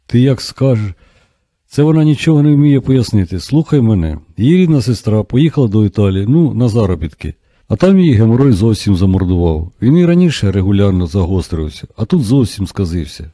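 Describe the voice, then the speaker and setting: A man's voice: on the low side, big pitch swings, fairly quick, dark tone, no room sound, studio quality. A man voicing a bossy, chatty middle-aged female doctor in an audiobook.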